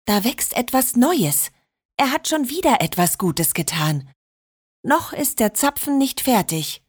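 Rich: A woman putting on a tender little Christ child spirit from a storybook, with a light, raised voice that rises and falls. Soft and kindly. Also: fairly high pitch, big pitch swings, a little slow, breathy edge, dry recording, studio quality, pitched above the performer's own voice, exaggerated voice. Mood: gentle. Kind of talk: storybook reading.

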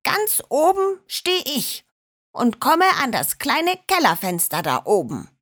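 A woman doing a small, cheeky male gnome from a children's storybook. He talks in a soft, playful, conspiratorial way. His lines are slow and swing widely in pitch, close to the mic with no room sound. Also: huge pitch swings, no room sound, heavily acted. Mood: eager.

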